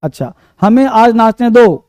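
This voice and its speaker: A man teaches English at a slow, deliberate pace. He drills each example sentence over and over and keeps checking that his students follow. The sound is close and dry, with no room around it. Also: extremely high pitch, lively intonation, darkish tone, dry recording. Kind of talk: spoken English lesson in Hindi.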